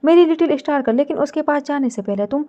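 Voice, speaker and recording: A woman doing a calm male villain who speaks slowly and coolly, teasing his victims with quiet menace. The voice sits high and mellow, on a dull, lo-fi recording. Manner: unhurried, cold, teasing.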